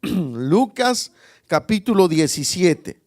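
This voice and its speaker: High-voiced pastor, slow and dry. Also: male voice, very animated, darkish tone, no room sound. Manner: calls out questions to the congregation; reads scripture aloud with pauses. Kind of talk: sermon. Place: church.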